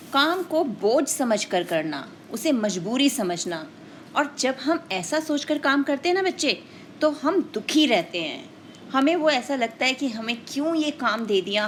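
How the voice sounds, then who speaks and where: Addressing children in a scripted storytelling lesson, a woman teacher teaches a moral in a didactic manner, explaining points and asking her listeners questions directly. Her voice is a little high, with slight background noise.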